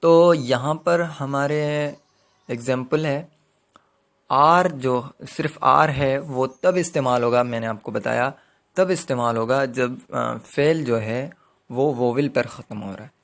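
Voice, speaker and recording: A man with a Pakistani Urdu accent teaching a grammar lesson, speaking deliberately and repeating each example with frequent hesitations. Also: medium pitch, a bit bright. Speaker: language teacher. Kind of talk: slow grammar lesson explanation.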